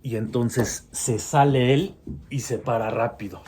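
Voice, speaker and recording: A man's voice: mid-range voice, unhurried, a little mellow, slightly rough. A man telling a personal horror story in a casual, hesitant way, with many restarts.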